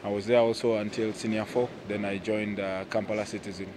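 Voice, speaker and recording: The national team's goalkeeper and captain, a Ugandan man in his thirties, answers interview questions a little fast in a fairly low voice with little pitch movement. He hesitates and uses many fillers during the casual chat, recorded on a handheld mic at an outdoor poolside terrace with a noisy background and outdoor ambience.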